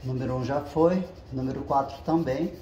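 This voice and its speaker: A channel host walks viewers through a hands-on job one step at a time in a casual how-to, pausing often to make sure they're following. His voice has an ordinary pitch and a dark tone. It rings off the bare walls of his echoey home garage, door open, over a faint background hum.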